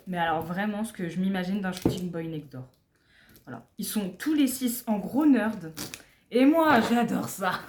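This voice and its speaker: A woman's voice: mid-range voice, darkish tone. Young woman, unboxing vlogger, chatty and giggly, mutters asides under her breath; roomy echo, faint noise behind. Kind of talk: casual unboxing chat. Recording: echoey room, faint background noise.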